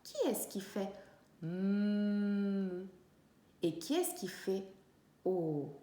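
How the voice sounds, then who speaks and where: A woman teacher giving a reading and writing lesson to young children, speaking slowly and clearly and stretching out the syllables. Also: mid-range voice, sing-song, mellow. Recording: echoey room.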